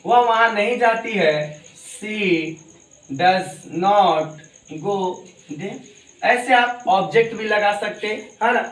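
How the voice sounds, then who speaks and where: A man's voice: high voice, extremely slow. A man teaching an English grammar lesson, drilling example sentences over and over and calling his students his dear children. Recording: echoey room, voice from far off.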